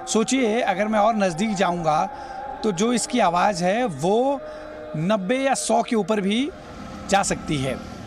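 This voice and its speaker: A television news field reporter speaks on location outdoors on city streets, explaining and pointing things out directly to viewers. His voice is high-pitched and lively, and he takes it slowly while loud music plays behind him. Traffic makes the urban setting noisy.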